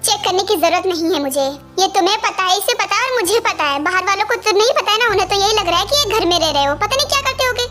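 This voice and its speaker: A woman's voice: very high-pitched, expressive, quick pace, hardly any pauses, loud music behind the voice. A woman dubbing a strict, scolding middle-aged mother in an amateur fan dub. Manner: sharp, scolding, bossy.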